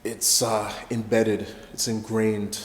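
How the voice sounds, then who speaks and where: A man's voice: lowish voice, completely flat delivery, slow, reverberant, in a large hall, a little hiss or hum. A man from Canada, a poet and guest, talking in a reflective and hesitant way, with many fillers. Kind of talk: spoken word performance then casual interview talk.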